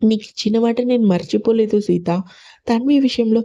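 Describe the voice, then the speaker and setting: Woman reading as a gentle coaxing young husband. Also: fairly high pitch, normal speed, close to an everyday voice. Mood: brooding. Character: tender devoted young husband. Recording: lo-fi audio.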